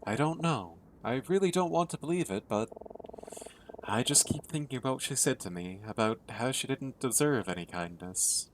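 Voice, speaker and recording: A man's voice: mid-range voice, animated, normal speed, background noise, close to an everyday voice. Man reading as an earnest young amateur sleuth. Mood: worried, earnest. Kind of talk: video game dialogue read aloud.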